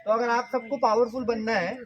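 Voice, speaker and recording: A man's voice: very high-pitched, little pitch movement, fairly quick, dull audio, crowd noise. A man leading a mind-power workshop for school students, talking playfully and quizzing the audience with questions. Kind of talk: interactive talk to school students.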